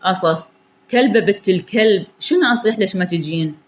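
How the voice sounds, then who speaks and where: A woman's voice: mid-range voice, fast, a little hiss or hum, close to an everyday voice. A woman doing a scornful Iraqi husband. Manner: scornful, barking orders. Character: harsh cruel young husband.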